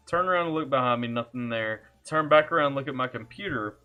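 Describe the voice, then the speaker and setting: Over soft background music and phone-quality sound, a Kentucky man with a Southern accent talks a little fast in a clean, mid-range voice. He's a music reaction streamer at his home computer, casually chatting on a live stream, reading chat out loud and saying hi to viewers by name in a relaxed, joking way.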